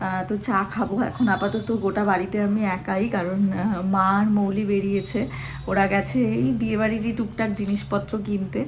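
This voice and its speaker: A hoarse woman with a sore throat from West Bengal, India, chatting casually in a home vlog and speaking softly to spare her voice. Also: medium pitch, level tone, brisk, a little hiss or hum. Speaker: vlogger.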